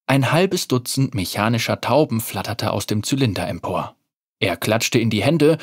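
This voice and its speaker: Brief: storybook narrator, lively and animated, slightly husky, close and dry sound. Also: medium pitch, no room sound.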